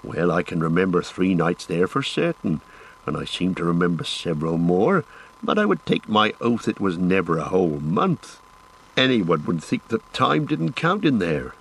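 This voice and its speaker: A man's voice: low voice, sing-song, normal speed, creaky, husky, heavily acted, rough recording. A man voicing a plain-spoken male hobbit who muses in a rustic, homely way. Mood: puzzled.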